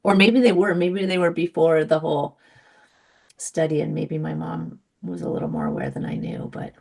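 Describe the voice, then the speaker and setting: A middle-aged woman guest in a casual conversation, talking in a reflective, gentle way with many pauses and fillers. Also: sits low, expressive, vocal fry.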